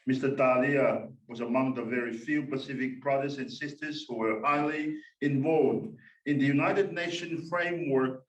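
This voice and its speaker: A man from Tonga, a church minister, giving a formal welcome and introducing a speaker, pausing often with "uh". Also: medium pitch, roomy sound, far from the mic, highs cut off. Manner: slow and measured, many "uh" pauses. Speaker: minister and workshop host.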